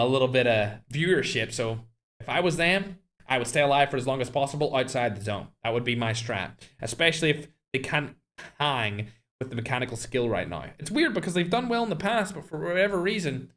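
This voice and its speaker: Hosting and casting esports live, a bright-voiced young man talks straight to chat in a chatty way, breaking into animated bursts. His voice is medium-pitched and his pace brisk.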